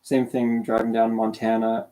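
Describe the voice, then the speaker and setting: Half asleep and with a sore throat, a Canadian streamer in his late teens chats casually on a livestream in a lowish, mellow voice. His delivery is completely flat at a moderate pace, and he rambles, keeps restarting and puts himself down.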